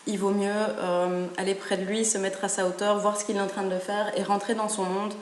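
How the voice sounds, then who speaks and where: A woman giving parenting advice in a casual, animated way, acting out a children's story as she talks. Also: medium pitch, fairly quick, slight background noise. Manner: animated, acts out stories. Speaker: parenting educator. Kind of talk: casual spoken advice video. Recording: echoey room.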